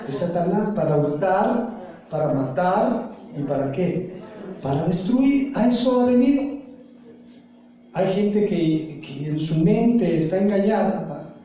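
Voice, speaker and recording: Male pastor, high voice, quizzes the flock mid-sermon, booming echo off the walls. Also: animated, takes it slowly, warm tone, recorded from a distance, dull audio. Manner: asks the congregation questions and leaves blanks for them to fill. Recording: very echoey room, voice from off the mic.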